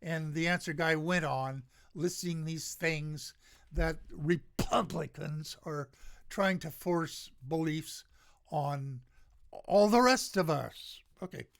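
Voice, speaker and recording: An older radio host giving solo commentary, sarcastic and rambling, with many pauses and fillers. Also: mid-range voice, creaky. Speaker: radio talk show host.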